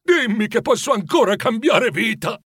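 Man reading as a frantic old miser, husky voice pushed high, pitch leaping about, dry close sound. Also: lively intonation, normal speed, a bit bright, no echo, exaggerated voice. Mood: pleading. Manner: anguished, pleading, high-pitched. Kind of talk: storybook reading.

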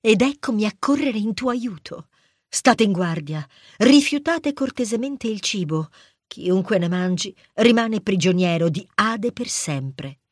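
Athena: a man doing a soft, wise goddess. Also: high voice, expressive, measured pace, no echo, clean studio sound, voice pushed up. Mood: confiding. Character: wise, helpful female goddess sending a note.

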